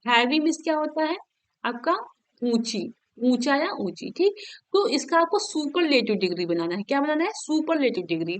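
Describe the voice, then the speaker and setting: A woman teaching an exam-prep grammar lesson. Her voice sits fairly high, and she checks in after every point. She drills each word form slowly and patiently, one at a time. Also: clear, resonant tone.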